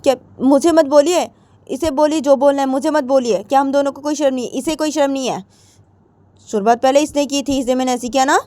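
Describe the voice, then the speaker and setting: A quarrelsome young wife keeps pushing the blame onto her partner in a raised, indignant voice. A woman does her in a storybook reading, pitched above her own mellow narration. She protests again and again. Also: fairly quick, no room sound, close to an everyday voice. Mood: defensive, indignant. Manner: protesting, blaming.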